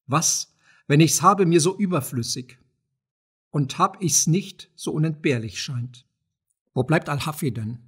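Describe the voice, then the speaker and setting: A man's voice: a little high, measured pace, a bit bright, breathy edge. A man reading an audiobook of a play, voicing a proud, worried sultan who sounds brooding and exasperated.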